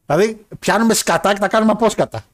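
Young man, slightly high pitch, casual banter, jokey, rambling. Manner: joking, laughing, rambling. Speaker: podcast co-host reading listener messages. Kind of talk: casual banter about wrestling and football.

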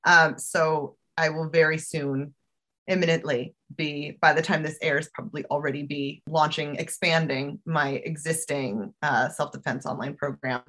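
Low-voiced woman, chatty guest. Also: a little slow. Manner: chatty, animated, with fillers and laughs. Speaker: guest, self-defense and travel safety instructor. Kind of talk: casual interview.

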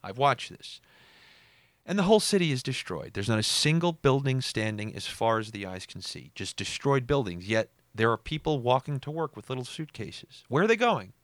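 A man talks through his weekly podcast in a casual, wry monologue. He drops sarcastic asides and leaps up in pitch to make a point. The sound is dry with no room echo. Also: sing-song, moderate pace, a bit bright. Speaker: podcast host.

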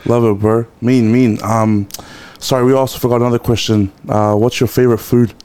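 A man hosting a podcast, talking casually with many pauses and fillers. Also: medium pitch, steady tone, darkish tone, clear, resonant tone. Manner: hesitant, lots of fillers, friendly slang. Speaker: podcast host. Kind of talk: casual chat.

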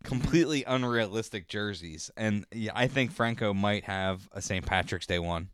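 A man's voice: fairly low pitch, moderate pace, a bit bright, clear, resonant tone, no echo, clean studio sound. A man co-hosting a comedy podcast, swearing and wisecracking in casual banter. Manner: profane, wisecracking.

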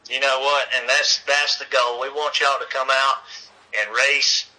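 A man's voice: medium pitch, flat delivery, a little slow, bright, forceful tone, low-quality recording. A man being interviewed as a racing league organizer, talking in an earnest, folksy way and rallying listeners. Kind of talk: casual interview chat.

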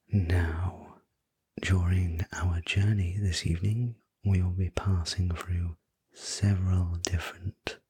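A man's voice: deep voice, darkish tone, full character voice. Man as a whispering sleep story train conductor. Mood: soothing, welcoming. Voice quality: breathy, whispered. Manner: soothing, polite, unhurried sleep story delivery. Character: courteous, attentive male night conductor on a luxury sleeper train. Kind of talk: whispered role-play.

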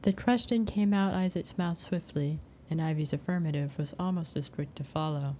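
Low, mellow woman narrating a story. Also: moderate pace, a little hiss or hum.

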